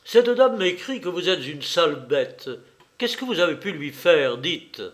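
A man's voice: a little high, big pitch swings, a little slow, a bit bright, full character voice. A man voicing an impatient male army lieutenant in an audiobook, curt and commanding. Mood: stern. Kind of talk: audiobook character reading.

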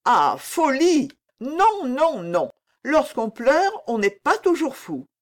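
A woman reading the part of an older queen mother who answers her son calmly and with gentle reproof. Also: medium pitch, takes it slowly, voice pushed up. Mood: reproving.

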